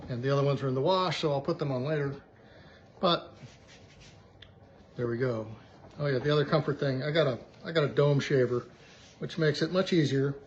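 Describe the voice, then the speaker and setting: Man, casual video diary, rambling, upbeat, slightly high pitch, muffled low-fi audio. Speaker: vlogger. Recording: dull lo-fi sound with faint background hiss.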